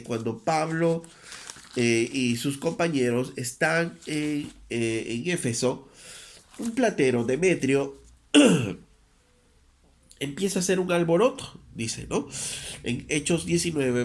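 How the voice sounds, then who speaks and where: A man preaching a Sunday sermon as pastor, reading scripture aloud and mimicking rushed, repetitive prayers to make his point. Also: a little high, creaky.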